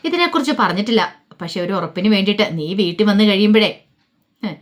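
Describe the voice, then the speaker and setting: A woman voicing a scheming man who makes cold, menacing demands in a fast-told story recap. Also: mid-range voice, very animated, natural voice. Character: Sreekanth, a scheming, threatening brother.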